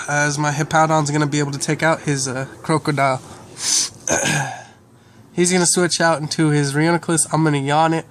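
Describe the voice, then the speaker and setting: A man's voice: on the high side, flat delivery, normal speed, pauses often, a bit bright, slight background noise. Sick young man narrating his game. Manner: frequent "uh" and "um" fillers, throat clearing. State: sick, under the weather. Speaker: gaming YouTuber. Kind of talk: casual game commentary.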